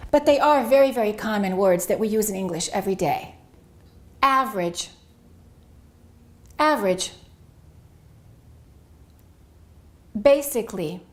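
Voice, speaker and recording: A middle-aged woman teaching English pronunciation, speaking clearly and deliberately as she models words for her students to repeat. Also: a little high, a little mellow.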